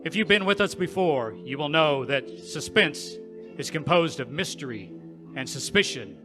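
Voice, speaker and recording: A man playing an ominous old-time radio suspense announcer, grave and measured in his dramatic delivery. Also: fairly high pitch, animated, music in the background, close to an everyday voice. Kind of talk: 1940s radio suspense introduction.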